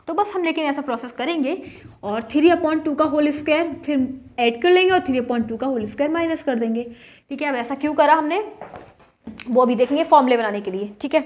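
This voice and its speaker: A woman teaching a maths lesson step by step, asking and then answering her own questions as she works. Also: high-pitched. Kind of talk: board-work maths lesson.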